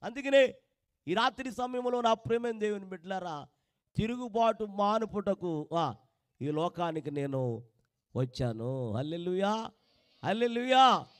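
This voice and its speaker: A male pastor preaching a sermon to a congregation, pushing them to answer aloud and switching between loud preaching and quiet asides. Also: high voice, animated, unhurried, pauses often, clear, resonant tone, no echo, clean studio sound. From India. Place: church hall with a congregation.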